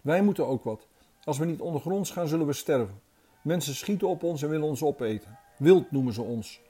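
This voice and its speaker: A man's voice: a little high, expressive, a little fast, dark tone, breathy edge, faint music behind. A man voicing an earnest talking deer. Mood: urgent. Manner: earnest, urgent, warning. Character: solemn talking male deer, messenger.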